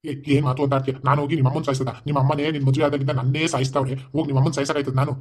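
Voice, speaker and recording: A man voicing a fearful, scheming son-in-law in an animated comedy, pleading in a flat rapid way. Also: medium pitch, close to an everyday voice. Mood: harried.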